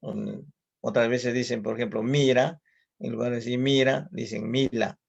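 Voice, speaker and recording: A man with a Peruvian accent giving a slow, deliberate lecture, listing example words and often adding a questioning "no?". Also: medium pitch, steady tone, a little mellow. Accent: Peruvian Spanish. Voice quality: gravelly, husky. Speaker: psychologist giving a conference talk. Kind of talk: online lecture. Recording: muffled lo-fi audio.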